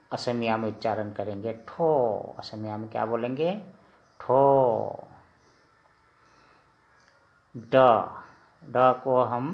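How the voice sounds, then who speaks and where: Slow, drilling male language teacher. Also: medium pitch, darkish tone. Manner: slow and deliberate, repeats each sound and drills it with questions. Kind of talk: slow spoken alphabet lesson.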